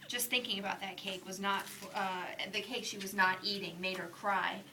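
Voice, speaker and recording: A woman reading a children's picture book aloud, putting on lively character voices and dropping into soft whispered asides. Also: mid-range voice, normal speed, distant mic, heavy background noise. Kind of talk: read-aloud storytelling.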